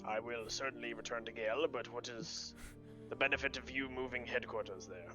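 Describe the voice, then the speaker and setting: Male game player, average pitch, casual table talk with formal in-character phrasing. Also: fairly even intonation, fairly quick, pushed and bright, dull audio, soft background music.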